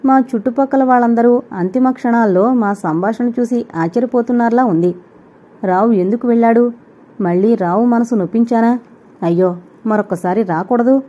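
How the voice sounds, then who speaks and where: Mellow-voiced woman reading a novel. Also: a little high, normal speed. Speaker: audio novel narrator. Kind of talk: scripted first-person novel reading. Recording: dull lo-fi recording.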